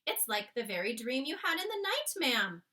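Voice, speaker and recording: A woman's voice: high voice, very animated, moderate pace, sharp tone, far from the mic, full character voice. A woman voicing a flustered, loyal middle-aged palace maid, exclamatory and deferential in a storybook reading. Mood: anxious, urgent. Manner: deferential, exclamatory, addressing her mistress as ma'am.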